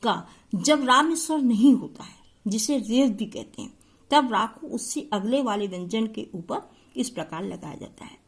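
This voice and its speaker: A woman's voice: on the high side, expressive, unhurried, husky. A woman teacher explaining a school grammar lesson step by step to her pupils.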